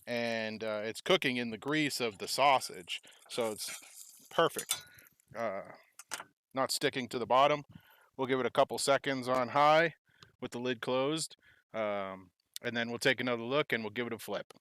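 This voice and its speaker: A man's voice: medium pitch, moderate pace, a bit bright, slight background noise. A man hosting a casual cooking vlog at his backyard grill, chatting through each step as he cooks. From United States. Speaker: host.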